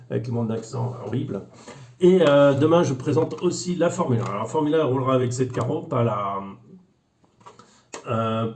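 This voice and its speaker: Brief: male vlogger, mid-pitched voice, casual rambling chat full of fillers, lively jumps in pitch. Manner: rambling, with many fillers and restarts. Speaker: RC car hobbyist vlogger.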